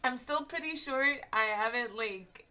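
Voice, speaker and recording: A lonely twelve-year-old boy thief, voiced by a woman speaks in a put-on Southern accent. He introduces himself haltingly, in a slightly high and very bright voice. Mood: shy, sheepish.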